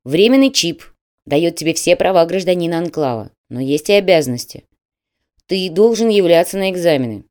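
A woman voicing a stern middle-aged male admissions manager who talks in a brisk, official and mocking way. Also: lowish voice, lively intonation, a little mellow, natural voice.

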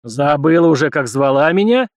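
A man's voice: fairly high pitch, animated, moderate pace, dry recording, studio quality, natural voice. A man voicing a mocking, commanding god. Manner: commanding, gruffly ironic. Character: mocking stern god voice, male.

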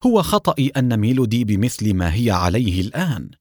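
Distressed pregnant mother, tearful, lively swinging delivery, dry close sound, read by a man. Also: on the low side, quick pace, dry recording. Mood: guilty. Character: anxious pregnant mother, woman, fearful and guilt-ridden.

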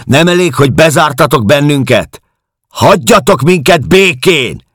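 A man's voice: sits low, lively intonation, no echo, clean studio sound, pitched above the performer's own voice. A male audiobook reader voicing a bitter, furious interned woman who hurls scornful curses. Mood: furious shouting. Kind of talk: audiobook character reading.

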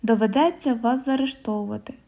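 A woman voicing a stern middle-aged male police commissioner, questioning in a formal, measured way. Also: fairly high pitch, vocal fry, dark tone.

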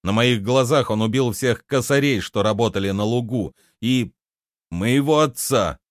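A man's voice: medium pitch, moderate pace, dry recording, clean studio sound, natural voice. A man voicing a determined, angry peasant boy who speaks in an earnest, heated way, as in an audiobook reading.

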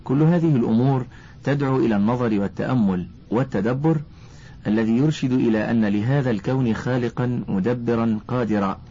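A man reading a religious commentary aloud as an audiobook narrator, in a measured and formal classical style. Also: medium pitch, mellow, slightly rough. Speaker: audiobook reader. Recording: dull lo-fi audiobook recording.

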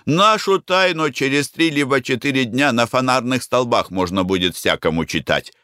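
A man voicing a calm, composed merchant who answers plainly and without haste, in an audiobook reading. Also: mid-range voice, normal speed, no echo, studio quality, voice pushed up, close to an everyday voice. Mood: calm explaining. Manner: calm, even-tempered.

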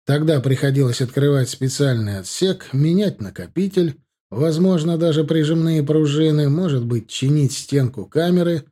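Guy narrating a fantasy audiobook, mellow dark voice, steady even reading. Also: a little high. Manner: steady, measured reading of dense technical prose. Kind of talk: scripted narration.

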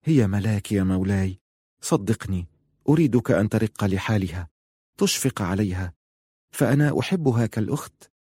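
A man voicing a tender young woman, a lord's lover, speaking in a hushed, affectionate way. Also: on the low side, lively intonation, moderate pace, breathy edge, no echo, clean studio sound. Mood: pleading.

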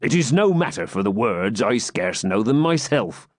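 A man's voice: fairly low pitch, sing-song, moderate pace, dry recording, studio quality. A man voicing a jovial, tipsy male hermit friar who drawls and blusters. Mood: blustering.

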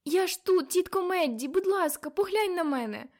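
A woman's voice: animated, normal speed. A woman voicing a frightened teenage girl. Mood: pleading. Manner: high, loud and urgent.

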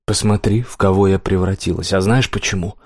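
A man's voice: deep voice, steady tone, brisk, dry recording, clean studio sound. Death as a bitter hooded crone, read by a man. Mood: accusing. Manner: quiet, hissing menace rising to angry outbursts. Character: Death, a weary, bitter, once-beautiful hooded old woman. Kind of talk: audiobook character reading.

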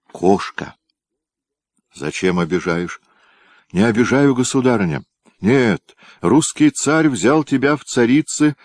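A brooding old tsar, tender yet troubled, speaking in a very deep and unhurried voice, as a male reader puts him on. The sound is dry and close. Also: dry recording. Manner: slow, solemn and gentle. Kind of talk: audiobook reading.

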